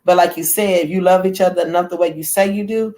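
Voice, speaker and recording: A woman in a casual chat as a guest, outspoken and animated, often restarting her sentences. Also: on the low side, fast.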